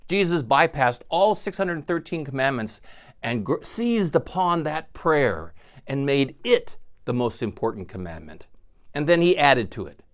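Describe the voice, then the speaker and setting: Male priest, reflective homily, storytelling with a very lively, swinging pitch. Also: a little slow. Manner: animated storytelling, acts out quotes.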